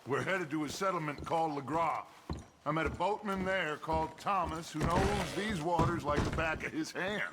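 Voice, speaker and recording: An actor playing a charismatic, scheming middle-aged American outlaw gang leader in a video game, grandiose and persuasive. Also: male voice, fairly high pitch, moderate pace, noisy background, natural voice. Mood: confident, calm. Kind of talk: dramatic video game cutscene acting.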